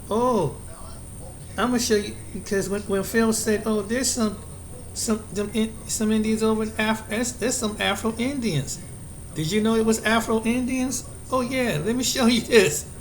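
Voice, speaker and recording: A man's voice: high-pitched, low-quality recording. A man hosting his own channel, reacting to video clips in rambling, casual commentary, repeating words and asking his listeners questions.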